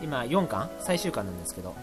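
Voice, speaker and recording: A man hosting a casual radio show, reading listener mail and rambling between laughs and quick impressions. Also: mid-range voice, very animated, faint music behind.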